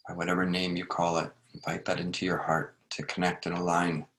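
A man leading a guided meditation, speaking gently in short phrases with long unhurried pauses. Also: low voice, level tone.

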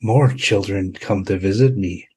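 A man's voice: deep voice, a little slow, darkish tone, breathy edge, heavily acted. A man voicing a gleefully sinister, century-old monstrous grandmother in a tabletop horror game, coaxing and menacing. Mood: gleeful menace.

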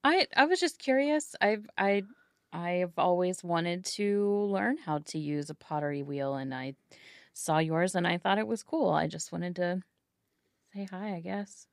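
A woman playing a tabletop game, speaking in a shy, halting, stammering way. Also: on the low side, steady tone, gravelly, a little mellow, no echo, clean studio sound. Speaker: player. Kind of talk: tabletop game role-play.

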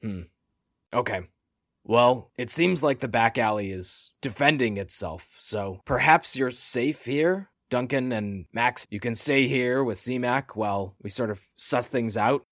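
A man's voice: medium pitch, unhurried, fairly bright tone, no room sound, clean studio sound. A man running a tabletop game as game master, narrating scenes and answering players with a playful manner.

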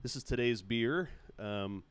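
A man's voice: mid-range voice, unhurried, clean tone. A man hosting a casual podcast chat, joking, rambling and laughing often. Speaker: podcast host.

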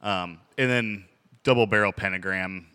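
A man with a slightly low, bright and forceful voice, co-hosting a casual podcast. He teases his friends, swears freely and laughs often as he talks. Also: normal speed, clear, resonant tone. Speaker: podcast co-host. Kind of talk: casual chat.

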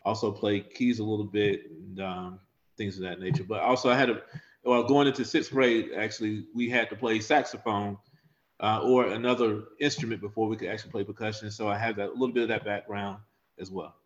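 A man's voice: on the low side, steady tone, a little fast. A man in his thirties from eastern North Carolina, a guest talking in a confident, easygoing, joking way. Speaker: interview guest. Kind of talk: casual interview chat. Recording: roomy, dull lo-fi audio.

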